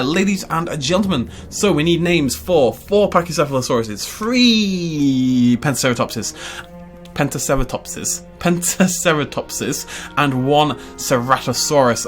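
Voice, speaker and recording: With a fairly high-pitched voice, this male game channel host narrates his video game park build in a relaxed, talkative style. He laughs often and slips in playful asides.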